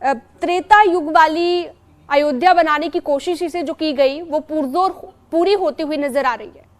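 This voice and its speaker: High-voiced Hindi news anchor woman. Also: moderate pace, a little hiss or hum. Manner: fluent, descriptive, hands over to reporters. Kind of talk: live news commentary.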